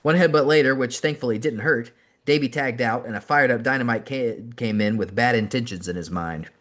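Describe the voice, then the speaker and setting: A man, the host, reading a memoir aloud as an audiobook, narrating in an animated first-person storytelling style. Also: medium pitch, a little fast.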